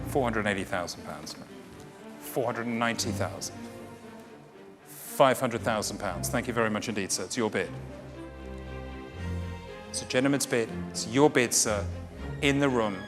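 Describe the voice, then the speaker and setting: Man, fine art auctioneer, mid-pitched voice, formal courteous bid-calling, repeated figures, saleroom, music in the background. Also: moderate pace, long pauses. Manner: courteous, formal, repeating bids as he addresses the room. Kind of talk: live fine art auction bidding patter.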